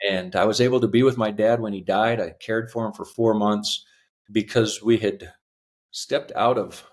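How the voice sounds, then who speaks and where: Low-ish guy in his fifties telling his story, lots of ums, sincere. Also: fairly even intonation. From United States. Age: 50s. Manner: earnest, halting with many fillers. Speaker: podcast guest. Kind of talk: reflective personal storytelling.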